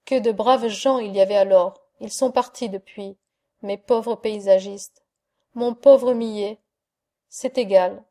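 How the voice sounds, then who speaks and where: Femme lisant un homme barbu chaleureux. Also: female voice, medium pitch, steady tone, slow pace, close to an everyday voice. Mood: warm. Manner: warm, sociable. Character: bearded man, friend of painters, warm.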